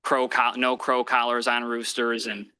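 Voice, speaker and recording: Man, city staff, monotone, very sharp bright voice, matter-of-fact. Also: medium pitch, measured pace, clear, resonant tone. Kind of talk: staff explanation at a council meeting.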